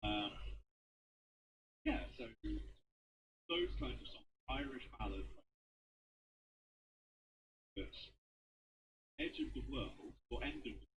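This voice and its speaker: A man chatting excitably and rambling through explanations while playing a co-op game. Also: mid-range voice, takes it slowly, pauses often, noisy background. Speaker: co-op game streamer. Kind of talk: casual gaming chat.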